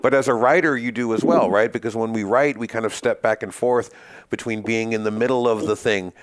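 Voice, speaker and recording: A man hosting an interview podcast, reflective and quick to laugh, thinking aloud in long sentences. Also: fairly low pitch, fairly even intonation, dry recording. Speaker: podcast host. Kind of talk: conversational interview.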